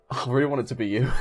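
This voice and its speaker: A man with a medium-pitched voice hosts a gaming video, playing alongside a friend. His commentary is casual, excitable, and mildly sweary.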